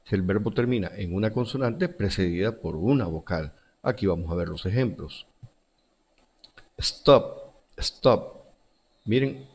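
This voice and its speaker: A man's voice: lowish voice, lively intonation, unhurried, long pauses, a little mellow, slightly rough. A male teacher giving a recorded grammar lesson to schoolchildren, repeating each example word and rule. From Central America.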